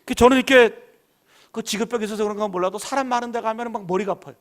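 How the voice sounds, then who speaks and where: A man's voice: high-pitched, steady tone, very fast. A middle-aged man preaching a Friday night sermon as pastor, talking in a casual, colloquial way and often putting questions to the congregation. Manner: preachy call-and-response, asking the congregation questions; colloquial storytelling about his daughters. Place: church sanctuary.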